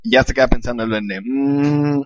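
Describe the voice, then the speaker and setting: A man's voice: a little high, normal speed, a bit bright, dry recording, muffled recording. A man in casual podcast chat, laughing as he retells comic strips. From Mexico. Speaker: podcast co-host.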